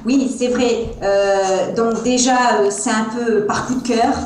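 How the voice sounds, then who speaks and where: This woman from southern France, a wine seller with a Provençal accent, speaks slowly in a steady, slightly high and slightly mellow voice. She is hesitant with many fillers as a guest in a video-call interview, using earbuds in a small, echoey room at home.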